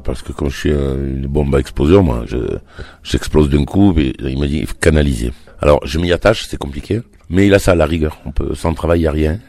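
Un acteur qui raconte des anecdotes de tournage avec entrain et humour, lors d'une interview de promotion. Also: male voice, a bass voice, brisk, no room sound, clean studio sound. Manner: animated, jokey storyteller. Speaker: actor. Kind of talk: press junket chat.

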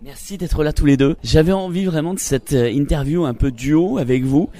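Male interview host with a mellow voice. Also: a little high, normal speed. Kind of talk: chatty broadcast interview.

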